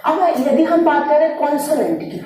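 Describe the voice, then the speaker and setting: A woman's voice: sits high, expressive, moderate pace, mellow. A woman teacher giving a grammar lesson, explaining step by step and answering her own questions. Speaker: English teacher. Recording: very echoey room, distant mic.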